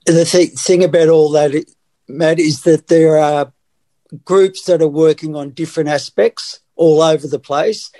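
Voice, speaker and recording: Upbeat male co-host, slightly high. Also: steady tone, unhurried, mellow. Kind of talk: casual radio chat.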